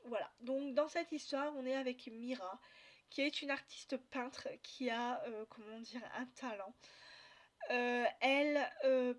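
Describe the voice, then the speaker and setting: A woman's voice: high-pitched, steady tone, measured pace. A woman chatting casually about books she bought, hesitant with many fillers and restarts. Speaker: book vlogger. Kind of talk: casual book haul chat.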